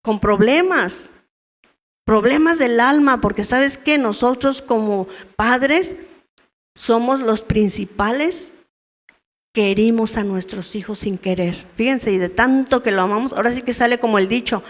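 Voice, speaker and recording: Woman, middle-aged, church teaching, conversational, asks questions, somewhat high voice, long hall reverb. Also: unhurried. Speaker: women's ministry teacher. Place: church meeting room.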